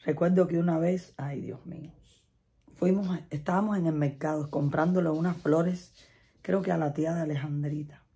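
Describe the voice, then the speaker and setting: A woman's voice: sits low, fairly even intonation, moderate pace, dark tone, slight background noise. A middle-aged Spanish-speaking woman telling a chatty personal story, laughing often and repeating herself. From Latin America. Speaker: vlogger.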